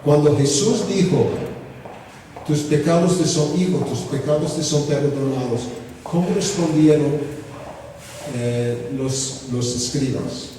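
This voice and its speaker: Slow-speaking pastor in an echoey hall. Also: male voice, a little high, mellow, slight background noise. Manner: slow, deliberate teaching with rhetorical questions. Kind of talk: sermon. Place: church hall. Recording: echoey hall from far off, faint ambience.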